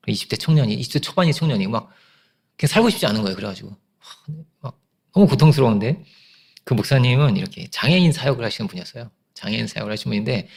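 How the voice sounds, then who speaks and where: A man preaching a Sunday sermon as pastor, telling a story in an animated way, acting out quoted voices and trailing off into fillers and restarts. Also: medium pitch, vocal fry.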